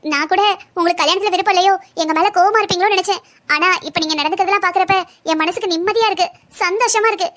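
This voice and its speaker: A woman's voice: very high-pitched, racing, fairly bright tone. A woman voicing a talkative young woman, the bride's sister, in a cartoon family drama. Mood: relieved.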